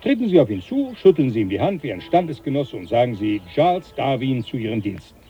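An actor playing a jovial, teasing professor who laughs often, in a radio play. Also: male voice, medium pitch, big pitch swings, fast, breathy edge, dull audio, soft background music. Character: jovial older male professor, mocking. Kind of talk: 1980s radio play acting.

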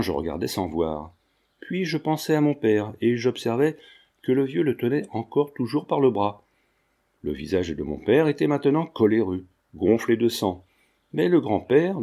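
Man reading a literary novel, dark tone. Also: lowish voice. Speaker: audiobook reader. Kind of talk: literary audiobook narration.

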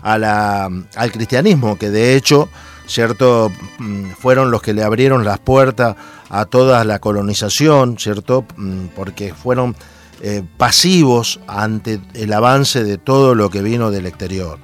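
A man's voice: on the low side, a little slow, faint music behind. A man from Argentina with an Argentine accent, hosting a radio talk show and speaking hesitantly with many fillers. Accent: Argentine Spanish.

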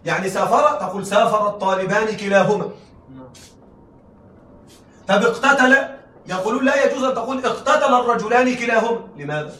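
Male lecturer, rapid and high-voiced, keeps asking the class if they follow; roomy sound from a mic set back. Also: fairly bright tone, slight background noise. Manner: checks in with the class, frequent laughing asides. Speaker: teacher. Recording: echoey room, mic at a distance.

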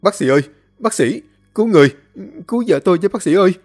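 A man playing a crude, hot-tempered young man who shouts in a hurry. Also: medium pitch, wildly swooping pitch, fairly quick, breathy edge, soft background music, exaggerated voice. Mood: frantic.

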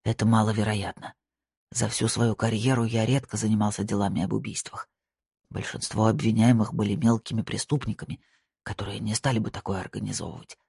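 A narrator voicing a retired older male judge who mutters low and wearily and dodges the questions, with a husky tone. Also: level tone, fairly quick, warm tone, dry recording, clean studio sound, exaggerated voice. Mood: weary.

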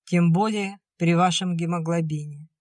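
A woman's voice: lowish voice, steady tone, normal speed, darkish tone, dry recording, close to an everyday voice. A woman voicing a reserved male doctor who speaks curtly and dryly. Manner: dry, curt.

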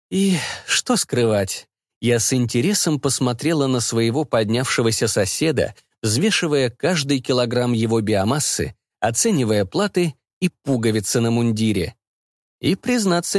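A man narrating an audiobook in a playful, expressive storytelling manner. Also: medium pitch, no room sound, studio quality.

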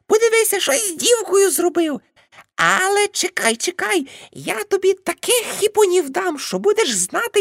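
Brief: older shrill aunt, shrieking high scolding, dry close read, audiobook. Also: female voice, gravelly, no echo, heavily acted.

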